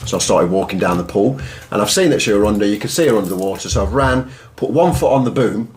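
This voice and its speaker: A man's voice: on the low side, lively intonation, quick pace, a little mellow. A man from England with an East Midlands accent, telling rambling, self-mocking stories as a guest on a casual podcast. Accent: English East Midlands. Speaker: podcast guest, musician and former lifeguard. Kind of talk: casual storytelling chat.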